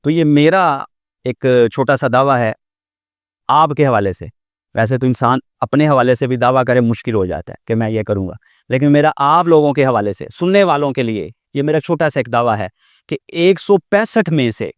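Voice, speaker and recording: A man teaching a vocabulary lesson in a patient way, explaining each word slowly and often repeating it. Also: medium pitch, expressive, dry recording, studio quality. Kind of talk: classroom lesson.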